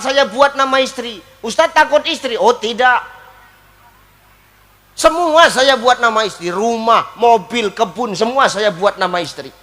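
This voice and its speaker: A man delivers a joking sermon to a big live gathering, his voice sitting high and bright. He teases the listeners and keeps tossing questions back at them for a reply. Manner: jokey, teasing, keeps asking the crowd to agree. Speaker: preacher. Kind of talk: comic sermon to a live crowd.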